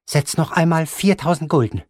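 A man voicing an imperious elderly grandmother at the gaming table in an audiobook, giving shrill, impatient orders. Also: expressive, normal speed, darkish tone, dry recording, clean studio sound, close to an everyday voice. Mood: furious calm. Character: imperious old grandmother gambler, commanding. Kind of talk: audiobook reading.

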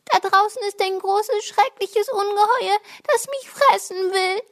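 Woman doing a squeaky frightened kitten. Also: a little slow. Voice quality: high, squeaky. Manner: whiny, sobbing pleas. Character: scared little male kitten, tearful and pleading. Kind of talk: storybook reading.

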